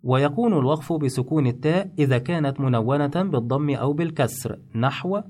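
Man giving a measured spoken lesson. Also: on the high side, dark tone. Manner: measured, explains rules step by step. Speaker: teacher. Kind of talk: instructional narration.

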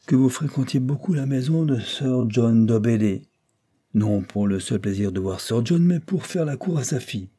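A man voicing a gruff, nosy older male judge who bursts into loud fury. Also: mid-range voice, animated, normal speed, lightly acted. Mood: teasing, gossipy. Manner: bluster rising to fury.

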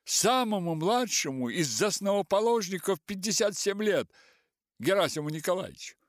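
A man's voice: sits high, lively intonation, moderate pace, dry recording, studio quality, pitched above the performer's own voice. A man voicing a sly, mocking male theater actor who talks sarcastically and mimics others.

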